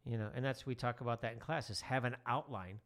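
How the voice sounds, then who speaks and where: A middle-aged teacher guests on a podcast, chatting casually at a quick pace in a medium-pitched voice. He's relaxed, rambles, and leans on many fillers.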